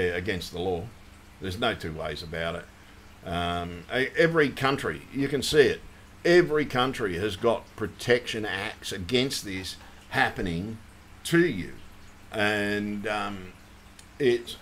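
A man's voice: lowish voice, a bit bright, slight background noise. A man rambling through a casual livestream, repeating himself and apologizing as he talks over his screen. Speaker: channel host.

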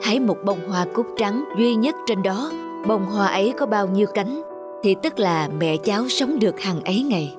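A woman voicing a kind, wise old village woman in a cartoon, speaking gently and patiently. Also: medium pitch, animated, moderate pace, lightly acted. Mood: soothing. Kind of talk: cartoon voice acting. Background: music.

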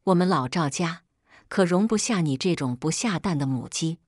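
A woman's voice: lowish voice, lively intonation, normal speed, a little mellow, dry recording, clean studio sound. A woman voicing a domineering older mother-in-law who scolds and sneers in a sarcastic, cutting way. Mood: berating.

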